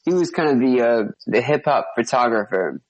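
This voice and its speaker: A man's voice: medium pitch, lively intonation, normal speed, poor audio. Teasing man laughing through casual talk. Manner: joking, teasing, laughs often. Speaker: podcast co-host. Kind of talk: casual chat.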